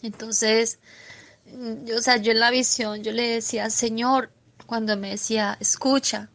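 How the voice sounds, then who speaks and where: Earnest woman recounting a vision, halting. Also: a little high, little pitch movement, fairly bright tone. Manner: earnest, halting, with frequent restarts. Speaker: believer sharing a vision testimony. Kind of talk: spoken testimony of a religious vision.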